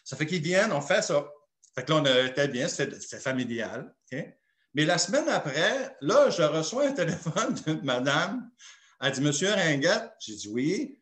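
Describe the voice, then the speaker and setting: A man's voice: a little high, big pitch swings, normal speed, a bit bright, echoey room. A man with a Québécois French accent, a pastor telling a personal story in a sermon and acting out the dialogue. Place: church.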